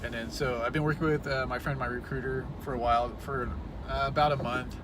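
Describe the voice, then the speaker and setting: A man's voice: mid-range voice, steady tone, a little fast. A man in his thirties talking casually to camera from his car in traffic, rambling and self-conscious with many restarts. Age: 30s. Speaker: vlogger. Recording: loud road noise, mic far off.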